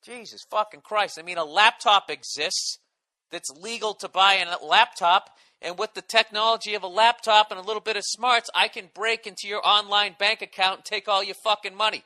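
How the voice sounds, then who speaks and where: A man's voice: high-pitched, steady tone, moderate pace, bright, forceful tone. Profane ranting man with a Boston accent. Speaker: podcast host. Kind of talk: solo podcast rant.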